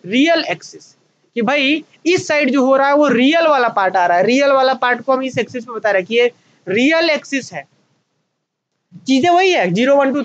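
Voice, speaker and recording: A man with an Indian accent teaching a maths class, asking questions and answering them himself and slowing down to dictate notes. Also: very high voice, lo-fi sound. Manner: slows right down to dictate notes. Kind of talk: online maths lecture at a whiteboard.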